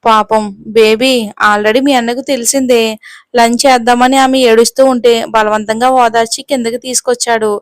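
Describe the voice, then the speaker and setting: A woman's voice: a little high, fairly even intonation, moderate pace, no room sound, clean studio sound, lightly acted. A woman reading a confiding young man.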